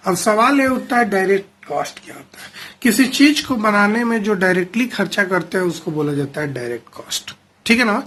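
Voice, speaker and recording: A male teacher giving a classroom accounting lecture. He explains step by step, calls the students "children", checks often whether they follow, and reads definitions out slowly. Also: high voice, a bit bright, breathy edge.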